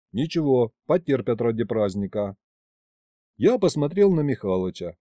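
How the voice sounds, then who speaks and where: A man's voice: medium pitch, mellow, no room sound, studio quality. A man narrating a first-person audiobook in a wry, chatty way.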